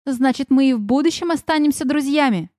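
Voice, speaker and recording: A woman voicing a cheerful, trusting young fairy girl who speaks in lively exclamations. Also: sits high, fairly quick, dry recording, studio quality, close to an everyday voice. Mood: eager.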